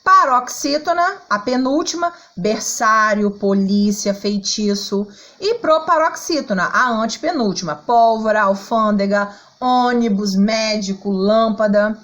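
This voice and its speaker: A woman's voice: on the high side, expressive, unhurried, hardly any pauses, a bit bright, low-quality recording. A woman teacher with a Brazilian accent, patiently explaining a lesson to schoolchildren and singing out syllables to show the stress. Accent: Brazilian Portuguese. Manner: checks in often with "tá?" and "ó".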